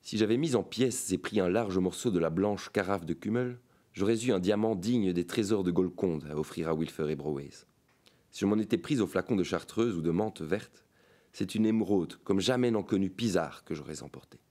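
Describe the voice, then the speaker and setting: A man with a very deep voice reads a fantastic tale aloud. He narrates in a measured, dramatic way, as in an audiobook. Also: mellow. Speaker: reader of a short story.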